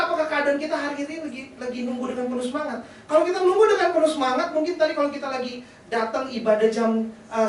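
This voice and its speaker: A man preaches a sermon as pastor, keeping it chatty and joking and throwing rhetorical questions to the congregation. His voice rings through a very echoey church hall with faint hiss, picked up from some distance off the mic. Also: extremely high pitch.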